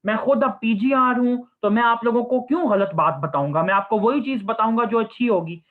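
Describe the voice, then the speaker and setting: A man's voice: extremely high pitch, brisk. A young man, a surgery resident, giving casual advice to students in Hindi-Urdu with English phrases, often saying "okay". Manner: mixes English phrases into Hindi-Urdu, calls listeners 'children'; repeats 'ठीक है' often. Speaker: surgery postgraduate resident answering students' questions. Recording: phone-like narrow audio.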